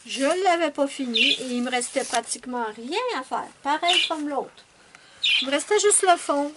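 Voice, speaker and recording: A woman's voice: sits high, normal speed, very noisy. A woman chatting casually to her viewers about her finished coloring pages, with frequent fillers and restarts. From Canada. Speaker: coloring channel host.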